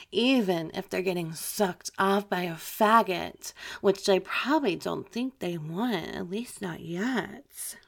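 A woman playing a slow, mocking demon temptress. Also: mid-range voice, vocal fry. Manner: slow, mocking, with frequent soft laughs. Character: taunting, domineering female demon temptress. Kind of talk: amateur audio roleplay.

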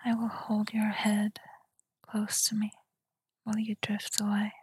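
Woman whispering super close, breathy and slow, flat soft murmur, dry sound. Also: mid-range voice, no echo. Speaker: girlfriend roleplayer. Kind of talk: whispered ASMR roleplay. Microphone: close mic.

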